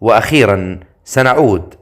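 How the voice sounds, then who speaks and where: A man's voice: lowish voice, lively intonation, normal speed, lightly acted. A man voicing a cunning, grumbling male inventor in an audiobook story, in a sly manner. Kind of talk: audiobook character voice.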